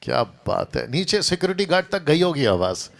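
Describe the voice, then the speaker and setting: A man's voice: fairly high pitch, sing-song, a little fast, gravelly. A male pastor making announcements and starting a sermon, talking to a seated group and to viewers online. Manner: speaks to a seated group and a livestream audience, repetitive lists.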